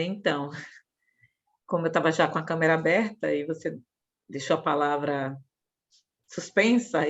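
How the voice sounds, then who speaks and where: A woman from Salvador introduces herself on a video call. She talks slowly and warmly and laughs easily. The call audio is dull and muffled. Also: low voice. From Salvador, Bahia, Brazil. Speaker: meeting participant. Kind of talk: online meeting self-introduction. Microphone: computer or headset on video call.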